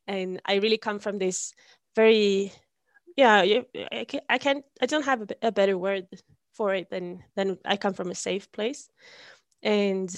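A woman's voice: mid-range voice, dry recording. Thoughtful young woman, dry close sound. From Sweden. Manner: thoughtful, searching for words, many restarts. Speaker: guest, long-distance cyclist. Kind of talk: reflective interview answers.

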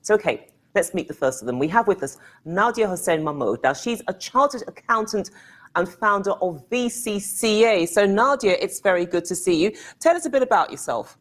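A woman's voice: medium pitch, animated, moderate pace. A woman hosting a business webinar, introducing speakers with light joking asides. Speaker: host.

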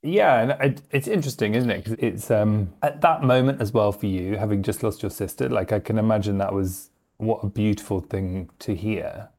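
Man, podcast host, somewhat low voice, encouraging, conversational. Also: normal speed, few pauses, darkish tone. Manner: brief encouraging backchannels.

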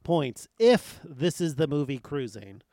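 A man's voice: a little high, lively intonation, a little slow, mellow, no echo, clean studio sound. A man hosting a casual podcast chat, joking and laughing as he scores a movie by category. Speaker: podcast host.

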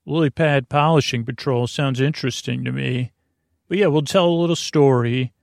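With heavy vocal fry in a mid-range voice, this man hosts a bedtime podcast, rambling in a monologue that keeps halting and restarting. He interrupts himself, meanders, and slides into mild humor and gentle absurdity. The recording is intimate and completely dry, with essentially no room around it.

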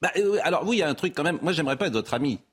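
A man's voice: a little high, animated, racing, breathy edge. A man hosting a talk show, teasing his guest and cutting in with fillers and short interjections.

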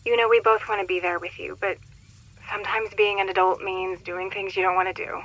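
A woman's voice: medium pitch, flat delivery, fairly quick, low-quality recording. A woman as a young mother in space. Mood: apologetic. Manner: warm and apologetic. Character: loving young mother, starship pilot.

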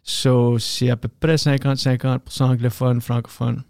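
A man's voice: mid-range voice, moderate pace, vocal fry, dry recording. Acadian comedian guy, laid-back chat with english slang thrown in, dry sound. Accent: Acadian French. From New Brunswick, Canada. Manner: relaxed, mixes in English slang. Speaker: comedian guest. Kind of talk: casual chat. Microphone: podcast microphone.

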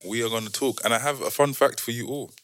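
A man with a London roadman accent hosting a podcast casually, with halting delivery and repeated words. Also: medium pitch, fairly bright tone, no echo. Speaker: podcast host.

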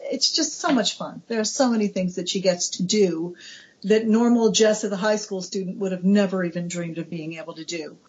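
An American woman in her forties, an author chatting warmly and eagerly in an interview, laughing often, on a dull lo-fi recording. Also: mid-range voice. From United States. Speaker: author guest. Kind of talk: casual interview chat.

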